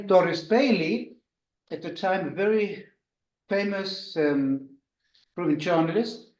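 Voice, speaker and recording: A man with a German accent, a doctor telling anecdotes to an audience in a halting way with dry humor. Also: high voice, a little mellow, reverberant, poor audio. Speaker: missionary doctor giving a talk. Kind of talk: storytelling talk to an audience.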